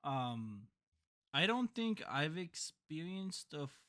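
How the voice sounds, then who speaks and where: Male podcast co-host, relaxed chatter, bright tone, laughs a lot. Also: on the high side, takes it slowly. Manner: laughs often, brief reactions. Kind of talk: casual chat.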